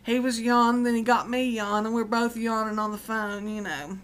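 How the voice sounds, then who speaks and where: A woman's voice: fairly high pitch, fairly even intonation, moderate pace. A middle-aged woman with an Appalachian accent from West Virginia, chatting casually as a vlogger in a folksy, colloquial, meandering way. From Appalachian West Virginia, United States. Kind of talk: casual rambling chat to viewers.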